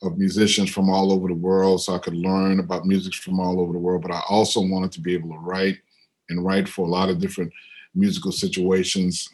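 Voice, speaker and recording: Middle-aged man, low-pitched, relaxed storyteller on a video call, livens up when quoting people. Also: fairly quick. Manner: animated when quoting others, otherwise easygoing with fillers. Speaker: interviewed musician and composer. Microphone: computer on a video call.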